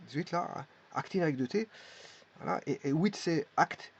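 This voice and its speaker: Stopping frequently, a man teaches pronunciation by saying each word and then repeating it in a hesitant spoken lesson. He's a language teacher with a gravelly, husky voice that runs somewhat high for a man, captured in a dull lo-fi recording.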